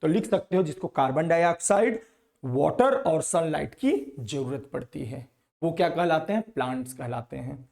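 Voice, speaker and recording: A man's voice: on the high side, animated, normal speed, creaky, darkish tone. A man teaching a science lesson to schoolchildren, repeating words and asking questions that he then answers himself. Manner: repetitive call-and-response questioning.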